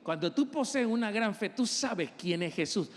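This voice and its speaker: A man's voice: sits high, lively intonation, normal speed, big-room sound. A male pastor preaching an impassioned sermon and acting out the voices of the people he quotes.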